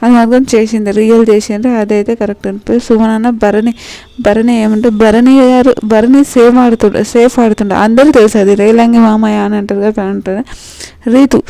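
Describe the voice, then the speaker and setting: A woman's voice: on the high side, steady tone, brisk, creaky, warm tone, no room sound, poor audio. Chatty woman recapping episodes. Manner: chatty, many fillers and restarts. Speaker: show reviewer.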